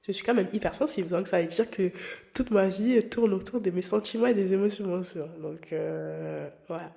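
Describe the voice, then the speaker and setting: This podcast host, a woman in her twenties whose first language isn't French, speaks at normal speed in a mid-range, creaky voice with a warm tone. Her chat is personal and relaxed, playful and candid, and full of fillers and restarts.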